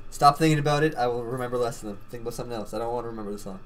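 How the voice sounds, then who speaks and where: A man's voice: medium pitch, very fast. A young man hosting a casual live interview, rambling with lots of slang and laughter.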